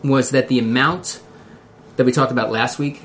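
A man with a Philadelphia accent hosting a casual podcast in a halting, loosely scripted way. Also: medium pitch, fairly even intonation, fairly bright tone, slight background noise. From Philadelphia area, United States. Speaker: podcast host.

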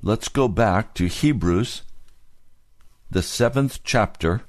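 Slow, deliberate male pastor preaching. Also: lowish voice, lively intonation, no room sound, studio quality. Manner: slow, deliberate, explanatory storytelling. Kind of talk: sermon.

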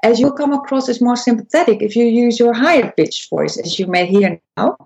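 A woman who is a voice and persuasion coach, explaining to an interviewer, with frequent restarts and high and low demonstrations. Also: fairly quick, vocal fry, a little mellow, muffled recording. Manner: demonstrates pitch shifts, squeaky high then low voice. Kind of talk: interview conversation.

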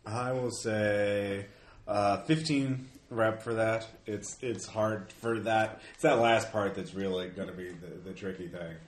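A man running a tabletop game as game master, narrating casually in a halting, hesitant way. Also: on the low side, fairly even intonation. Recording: echoey room, noisy, clicks.

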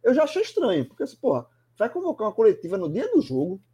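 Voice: mid-range voice, wildly swooping pitch, rapid-fire, warm tone, breathy edge. A sports commentator, talking animatedly and emphatically in a casual sports chat, often restarting words.

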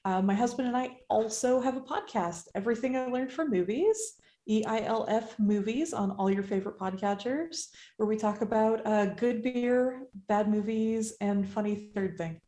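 A woman's voice: fairly high pitch, normal speed, few pauses, dark tone. Chatty woman in an echoey room. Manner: chatty, self-deprecating joking. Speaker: guest artist. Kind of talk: casual podcast chat. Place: indoors in an artisan shop space.

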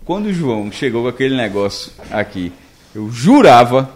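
A man's voice: mid-range voice, sing-song, moderate pace. A man joking and ribbing his friends in a casual podcast chat. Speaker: podcast co-host.

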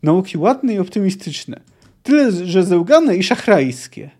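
A man's voice: sits high, sing-song, unhurried, darkish tone, voice pushed up, exaggerated voice. A man voicing a fierce, vengeful young female witcher as he reads aloud from a fantasy novel, clipped and scornful in delivery. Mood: bitter defiance.

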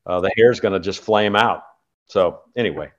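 A man in his sixties from California talks as a guest in a very low, deep voice. He rambles through anecdotes, full of fillers and restarts. The recording sounds dull and lo-fi. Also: normal speed. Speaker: guest, former tour golfer. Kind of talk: casual interview chat.

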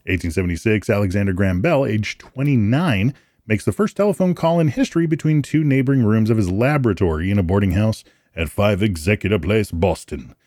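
Jokey male podcast host, lively pitch. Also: a little fast, dry recording, studio quality. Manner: jokey, punny asides. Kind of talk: live podcast chat reading date trivia.

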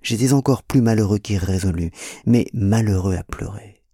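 First-person male narrator, husky and low, pleading tone, dry recording. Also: normal speed, dark tone, no room sound. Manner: pleading, anguished.

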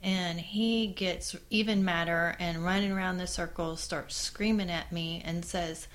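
A woman's voice: fairly low pitch, steady tone, unhurried. A woman co-hosting a casual conversation, earnestly recounting personal stories with many fillers. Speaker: co-host, mother.

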